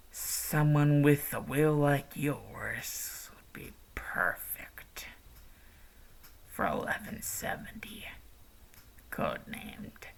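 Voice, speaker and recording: Creepy whispering toy-company founder voiced by a male storyteller, slow, gravelly, hushed. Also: heavily acted. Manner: low hushed whisper, creaky.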